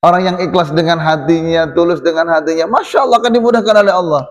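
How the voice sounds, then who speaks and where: Preacher with a lilt, echoing hall. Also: male voice, a little high, fast. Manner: lively, acts out questions from the congregation, jokes. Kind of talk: mosque sermon. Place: mosque hall. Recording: long reverb of a mosque hall.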